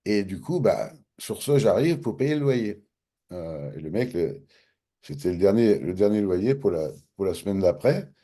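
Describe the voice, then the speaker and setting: In an interview, a French-accented man from France casually tells a personal story, animatedly performing both sides of past conversations. His voice sits on the low side and his pace is unhurried.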